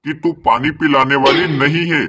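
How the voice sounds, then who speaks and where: A man's voice: a little high, moderate pace, natural voice. A man voicing an impatient, grumpy husband losing his temper. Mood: exasperated. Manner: exasperated. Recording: loud hiss behind the voice.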